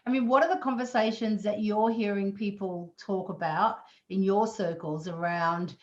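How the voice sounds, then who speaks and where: A woman's voice: mid-range voice, steady tone, normal speed, a little mellow, lo-fi sound. An Australian woman moderating a video call panel, thoughtful and searching as she asks questions.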